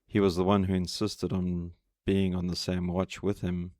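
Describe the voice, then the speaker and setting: A man's voice: deep voice, monotone, normal speed, a little mellow, no room sound, studio quality, natural voice. A man voicing a worried older male guard who asks probing questions.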